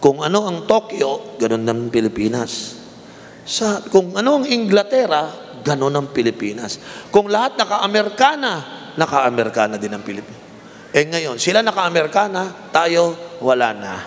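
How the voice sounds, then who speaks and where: A man in his fifties with a Filipino accent preaching a sermon as a bishop, his voice leaping higher on emphatic rhetorical questions. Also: big pitch swings, moderate pace. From Philippines. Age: 50s. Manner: voice rises sharply in pitch for emphatic rhetorical questions. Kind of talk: sermon mixing Tagalog and English. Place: large indoor arena. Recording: reverberant arena, faint crowd noise.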